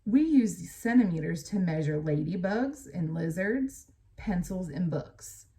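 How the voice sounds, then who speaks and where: Unhurried yet animated, an American woman with a slightly low, mellow voice reads aloud in the role of teacher. She talks directly to young pupils, explaining plainly and weaving her own comments in with the text.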